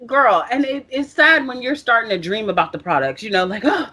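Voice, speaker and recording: Animated slangy woman podcast co-host. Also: on the high side, brisk. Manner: animated, playful, slangy and dramatic. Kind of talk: casual chat.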